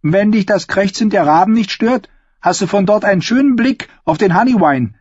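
A man voicing a pale, soft, eager young male novice. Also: sits high, expressive, moderate pace, husky, dry recording, pitched above the performer's own voice. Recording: dull, dry lo-fi recording.

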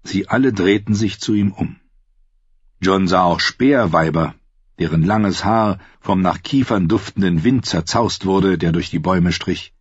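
A man narrating a fantasy audiobook in an even, steady storytelling manner. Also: sits low, measured pace, husky, dry recording. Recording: slightly dull, dry studio recording.

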